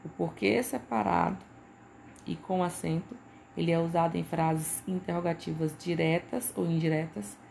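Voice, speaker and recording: Brazilian woman teacher, low and gravelly, patient, repeats herself, faint hiss behind. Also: steady tone, normal speed, darkish tone. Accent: Brazilian Portuguese. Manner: patient, repeats points with frequent "né" and "tá". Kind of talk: recorded online lesson.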